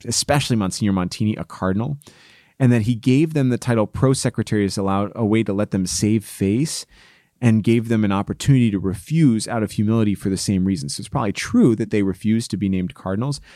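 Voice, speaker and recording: A man's voice: on the low side, dark tone, no room sound, studio quality. A man hosting a history series, telling it in a prepared but conversational, explanatory storytelling way. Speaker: host of a church history series.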